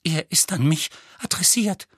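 Storybook aunt, shrill and shaky, sharp-tongued woman, as a man puts her on. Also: expressive, slow, husky, dry recording, studio quality, full character voice. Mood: trembling. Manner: shrill, trembling.

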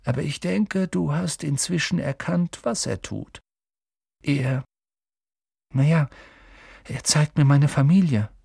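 A man putting on a shy, earnest young boy wizard in a storybook. The voice is lifted higher than a grown man's and comes out hesitant, with a husky, slightly gravelly grain underneath. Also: slow, long pauses, dark tone, no room sound, clean studio sound, full character voice.

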